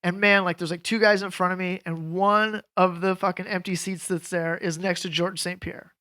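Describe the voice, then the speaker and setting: A man in his thirties, a guest on a podcast, telling casual stories in a rambling, animated way with lots of fillers. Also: high-pitched, moderate pace. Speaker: podcast guest, jiu jitsu coach. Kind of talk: casual storytelling chat.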